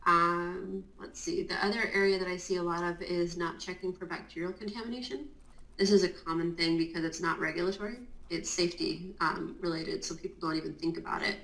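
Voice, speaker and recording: A woman's voice: on the low side, fairly even intonation, brisk, a bit bright. Fields: Woman, guest, roomy-sounding call. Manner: chatty and explanatory, with many fillers and laughs. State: just woken, morning voice. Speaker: guest, Amazon compliance consultant. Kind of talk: casual interview talk. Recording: roomy echo.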